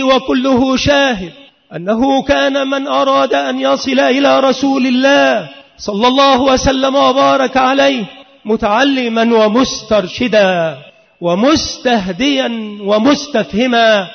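High, gravelly man preaching in a hall. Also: normal speed. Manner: emphatic, rhythmic preaching that rises into sung, shouted passages. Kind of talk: sermon. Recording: long hall reverb, dull lo-fi sound.

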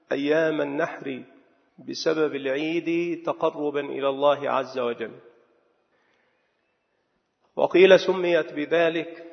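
A man preaching a sermon with a raised, gravelly voice and a measured, dictating delivery. His voice rings through a long hall echo, and the sound is dull and muffled. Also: a little high. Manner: measured, dictating slowly with repeated words for note-taking.

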